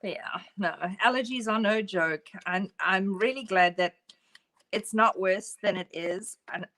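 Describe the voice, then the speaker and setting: A woman co-hosting a casual chat, relaxed and laughing often as she tells a story. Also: medium pitch, a little slow. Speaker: co-host.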